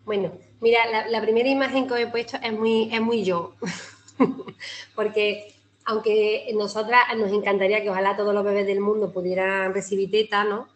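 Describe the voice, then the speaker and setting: A woman physiotherapist with a Spanish accent gives a chatty, warm-hearted, informal talk to a breastfeeding group over a video call, full of "¿no?" tags and restarts. Her mid-range voice keeps a level tone at a moderate pace, with a little hiss or hum in the background.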